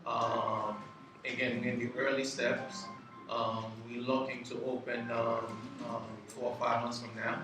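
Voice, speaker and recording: A Haitian-born man who owns a business, giving a halting presentation to a community board with many ums and restarts. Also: mid-range voice, level tone, over music. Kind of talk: public meeting presentation. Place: community board meeting room. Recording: roomy hall, distant mic, background noise.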